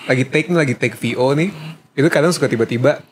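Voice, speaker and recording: Relaxed young man explaining, faint noise. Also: mid-range voice, fast. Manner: relaxed, explanatory, with many fillers. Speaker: animation creator and voice actor. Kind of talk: casual Q&A chat.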